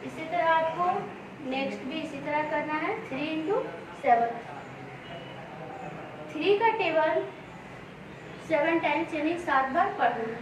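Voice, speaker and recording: High-voiced female teacher chanting tables. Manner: slow, chants times tables aloud. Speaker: maths teacher. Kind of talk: recorded online class lesson. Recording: echoey room, far from mic, noise.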